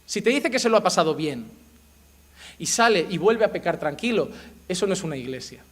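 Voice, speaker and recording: A male pastor preaching a sermon with passion, swinging between loud emphatic bursts and hushed, quiet lows. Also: animated, fairly quick.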